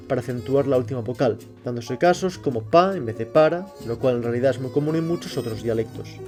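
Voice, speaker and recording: A man, reading a scripted explanation at a measured pace. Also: mid-range voice, mellow. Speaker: channel host. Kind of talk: scripted narration.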